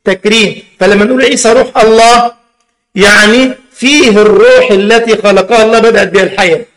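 A man with an Egyptian accent giving a religious lesson in a mosque. He keeps asking his listeners questions and draws out key words slowly. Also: high voice, steady tone, a bit bright. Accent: Egyptian Arabic. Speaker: religious teacher. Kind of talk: mosque lesson in plain colloquial speech.

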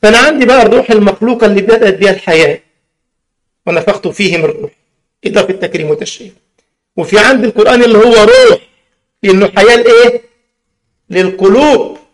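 A man with an Egyptian accent giving a religious lesson in a mosque. He keeps asking his listeners questions and draws out key words slowly. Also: high-pitched, lively intonation. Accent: Egyptian Arabic. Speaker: religious teacher. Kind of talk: mosque lesson in plain colloquial speech.

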